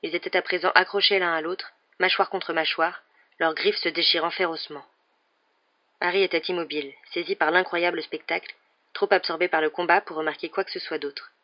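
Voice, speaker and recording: An audiobook narrator reading a novel aloud in a steady, dramatic way. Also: medium pitch, brisk, muffled recording.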